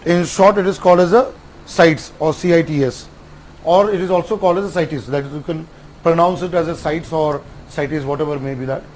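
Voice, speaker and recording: A man teaching an online exam-prep lecture, repeating key terms and spelling out acronyms slowly. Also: a little high, steady tone, a little mellow, a little hiss or hum, low-quality recording. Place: classroom with whiteboard.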